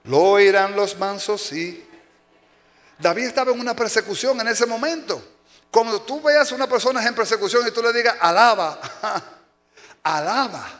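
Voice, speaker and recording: A man preaching a sermon as pastor, telling stories with acted-out cries and shouts. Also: very high voice, moderate pace. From Dominican Republic. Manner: animated storytelling, acting out shouts and cries. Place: church sanctuary. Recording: long hall reverb.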